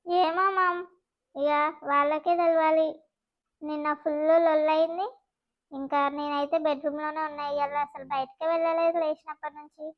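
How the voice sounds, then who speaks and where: A woman's voice: high-pitched, flat delivery, normal speed, muffled recording, natural voice. A woman voicing a sulky young married daughter with a Telangana accent, complaining about her in-laws. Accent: Telangana Telugu.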